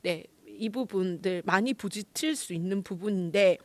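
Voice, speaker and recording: A woman's voice: medium pitch, moderate pace, no echo. A middle-aged woman, a pastor's wife, giving a chatty online lecture, laughing often and acting out quoted lines.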